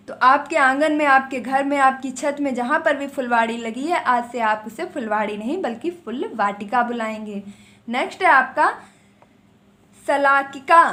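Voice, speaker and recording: A woman with a high voice teaching an exam-prep vocabulary lesson. She rattles through word lists and repeats the important ones for emphasis. She speaks straight to her viewers in a firm, coaxing way. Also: fairly bright tone. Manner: drills words in quick lists, repeats key items for emphasis.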